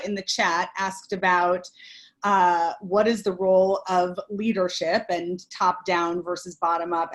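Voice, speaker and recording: A woman moderates a webinar in a friendly, brisk way, reading out audience questions and handing them to the panelists. Her voice sits in a middle pitch and stays conversational throughout. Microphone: video call.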